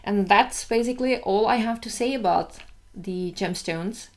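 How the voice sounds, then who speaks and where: A woman's voice: mid-range voice, normal speed. Chatty woman vlogger, candid and easygoing. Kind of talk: casual vlog talk.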